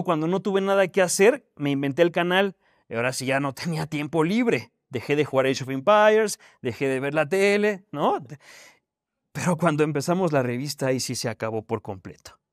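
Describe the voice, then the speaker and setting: A Mexican man in his thirties, speaking with a Mexican accent in a fairly high voice, addresses university students as a guest speaker. His talk is casual and animated, packed with slang as he tells his story, and the studio sound is clean with no echo.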